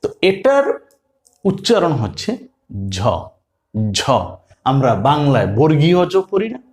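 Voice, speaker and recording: A man with a Bengali accent teaching English letter sounds slowly, repeating each one and putting questions to his learners. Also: a little high, very animated, a little mellow. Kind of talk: phonics lesson.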